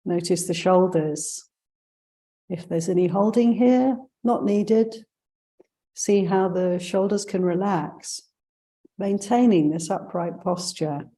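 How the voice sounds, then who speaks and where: Here a woman with a fairly low-pitched voice acts as a meditation teacher. She offers calm, gentle guidance, unhurried and full of pauses.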